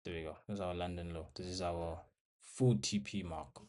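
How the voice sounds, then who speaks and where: Deep-voiced young man talking over a trade. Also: steady tone, normal speed, a little mellow. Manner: talks to viewers while watching the screen, in short broken phrases. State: out of breath. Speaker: trading vlogger. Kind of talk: casual live commentary. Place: bedroom at home.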